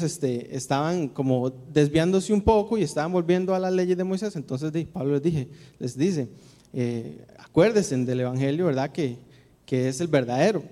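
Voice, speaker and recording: A man giving a church talk and reading Bible passages aloud in a measured way, often asking "right?". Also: a little high, mellow. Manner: measured, often tags "¿verdad?". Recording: long hall reverb.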